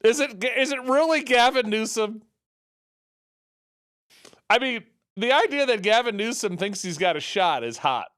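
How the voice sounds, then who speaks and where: A man's voice: very high voice, animated, a little slow, long pauses, fairly bright tone, clean tone, no room sound, clean studio sound. A man hosting a political talk show, rambling and sarcastic, with many restarts. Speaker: radio talk show host.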